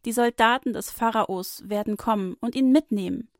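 A woman voicing a young girl, an anxious but brave big sister in a children's Bible story, speaking high and eagerly. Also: normal speed, dry recording, clean studio sound, natural voice. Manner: high, eager, tearful pleading.

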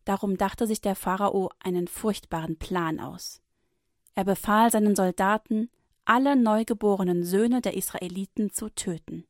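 A woman reading a Bible story for children, gently and expressively. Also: mid-range voice, no echo, studio quality.

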